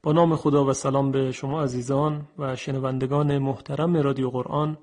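A man teaching a radio lesson on Quran recitation, explaining in a measured, formal way and reciting Arabic phrases. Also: medium pitch, flat delivery, darkish tone.

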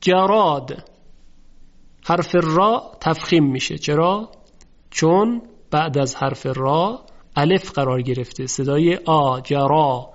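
Guy teaching recitation rules, asks himself why and answers, slightly high voice, muffled lo-fi sound. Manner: explains rules step by step, asks and answers his own questions, slows to recite verses. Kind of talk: tajweed lesson, explaining and reciting. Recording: dull lo-fi recording.

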